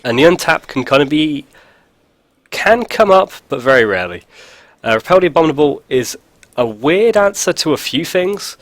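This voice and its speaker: Very animated and fairly high-pitched, his fairly bright voice moves at a moderate pace with no echo. He's a video host with a cold who sounds stuffy, casually commenting on a card game with dry humor and frequent fillers.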